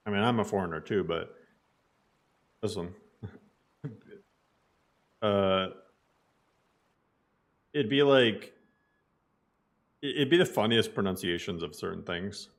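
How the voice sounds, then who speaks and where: Bosnian-born guy streaming a game, lowish voice, goofy and rambling. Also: slow pace, long pauses. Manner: playful, jokey, mock mispronunciations. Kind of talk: casual gaming stream chat.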